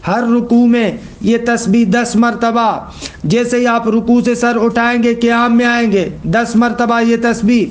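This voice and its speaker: A man teaching religious law step by step, checking that his students follow and slowing down to recite quoted texts. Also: very high voice, level tone. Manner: explains step by step, checks understanding with questions; recites quoted text slowly and deliberately.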